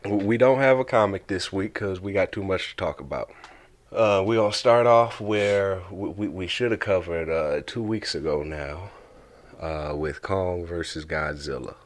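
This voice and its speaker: A man's voice: sits low, normal speed. A man co-hosting a podcast in casual chat, joking and often stammering into restarts. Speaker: podcast co-host.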